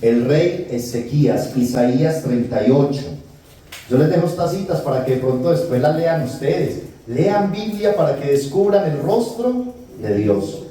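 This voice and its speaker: A man's voice: a little high, lively intonation, unhurried, mellow. A man giving a retreat talk as a priest, telling scripture stories and acting out the dialogue with humor. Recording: echoey hall, distant mic, faint noise.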